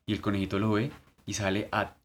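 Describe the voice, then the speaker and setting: A fairly low-voiced man, co-hosting a casual podcast chat. He tells stories in a crude, animated way and swears freely. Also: quick pace, slight background noise. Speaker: podcast co-host.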